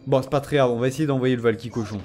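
A man giving casual, excitable commentary on his own game, teasing and mock-threatening his opponent, and saying he is tired. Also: mid-range voice, very fast. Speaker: gaming channel host.

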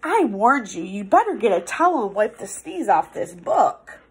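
This is a young woman reading a picture book to kids in teacher fashion from a small office room indoors. Her voice sits at medium pitch, and the recording has slight background noise and poor audio. She's expressive, theatrical and playful, drawing words out and whispering asides.

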